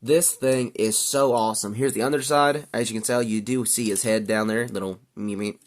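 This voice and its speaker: A man's voice: on the low side, fairly even intonation, moderate pace. A man giving a casual, enthusiastic toy review, rambling a little and out of breath.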